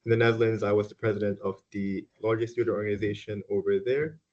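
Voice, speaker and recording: A man from Finland, the keynote speaker, introducing himself on a video call in a relaxed, joking way. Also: on the low side, fast talker. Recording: dull lo-fi call audio.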